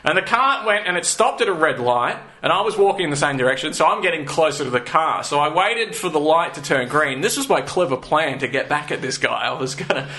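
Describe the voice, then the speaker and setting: A man with a bright, sharp voice that sits a little high. He tells a self-mocking comic story and acts out the voices of the people in it. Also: expressive, brisk, few pauses. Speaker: podcast co-host. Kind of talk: casual comedic chat.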